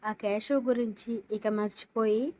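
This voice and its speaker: A woman's voice: on the high side, fairly even intonation, a little slow, darkish tone, natural voice. A woman reading the lines of a worried grown son who soothes his mother anxiously. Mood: soothing.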